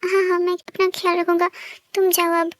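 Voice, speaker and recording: A woman voicing a brisk, bossy young woman who urges a friend to leave in a fan-fiction audio story. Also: very high-pitched, completely flat delivery, slight background noise. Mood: urgent.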